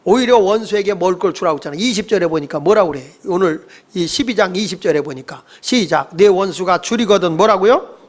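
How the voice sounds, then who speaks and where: A man preaching a sermon from the pulpit, his voice sitting high for a man. He preaches in a lively way, calls on the congregation to read scripture along with him, and slips into little character voices to act out quarrels. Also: quick pace. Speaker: pastor.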